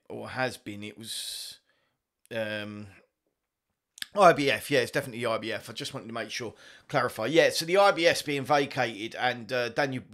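A man with a British accent talks through the boxing news in a loose, rambling way. His voice has a gravelly fry and sits at an ordinary middle pitch. He often mocks himself as he goes. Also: fairly bright tone. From Britain. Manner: self-mocking, rambling, laughs at himself. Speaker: sports podcast host. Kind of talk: casual chat reading boxing news.

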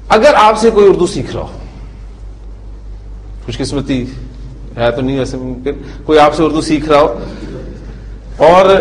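Grammar teacher: man, slightly high voice, slow syllable drills, quizzes the class, faint noise behind. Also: rough recording. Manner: drills word forms slowly, syllable by syllable; asks the class checking questions.

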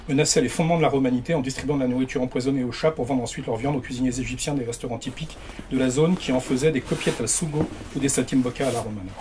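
A man reading extracts of a novel aloud at a bookshop event, steady and unhurried in tone. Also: medium pitch, a little hiss or hum. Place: bookshop reading before an audience.

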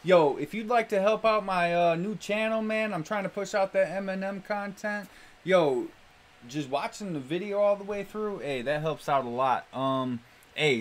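A man hosting a music reaction video, talking in an excitable, slangy way with frequent exclamations. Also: fairly high pitch, slight background noise. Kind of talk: casual hyped reaction commentary.

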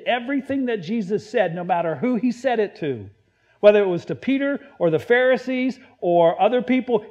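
Man, pastor, high voice, casual sermon, frequent restarts, slightly dull audio. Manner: conversational, self-deprecating preaching with many restarts; acts out Bible quotes loudly and forcefully.

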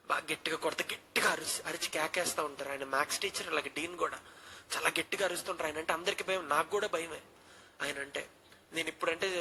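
A man's voice: a little high, pushed and bright, slight background noise, low-quality recording. A young man in his twenties, a pastor, earnestly telling a personal testimony and slipping English phrases into his speech.

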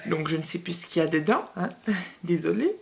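A woman's voice: lowish voice, very animated, brisk, vocal fry, darkish tone. Young woman vlogging, blunt slangy chatter, lots of fillers and asides. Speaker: beauty vlogger. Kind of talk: casual unboxing review.

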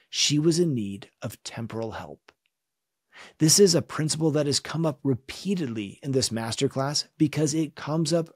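A man teaching a scripture lesson in an earnest, measured, reflective way. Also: a little high, darkish tone, slightly rough, dry recording, studio quality. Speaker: religion teacher.

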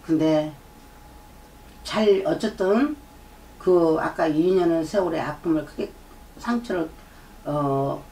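A middle-aged woman shaman gives a fortune-telling consultation in a shrine room with a folding screen and a drum, lecturing, repeating herself and often prompting with "eh?". Her deep, warm voice moves at a slow pace with frequent pauses. A far-off camera mic picks her up at a distance, with faint room ambience.

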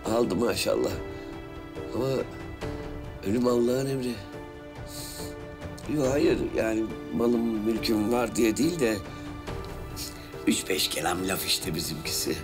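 An actor playing an ailing older steward, a gentle father who speaks with tired gratitude. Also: fairly low pitch, measured pace, pauses often, over music. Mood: tender. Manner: tender, grateful, tired. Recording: TV drama with loud score underneath.

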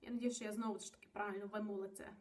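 A woman's voice: medium pitch, flat delivery, racing. A woman vlogging a casual book review, chatty and rambling, with many fillers and self-corrections, a little nervous. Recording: voice a bit distant from the mic.

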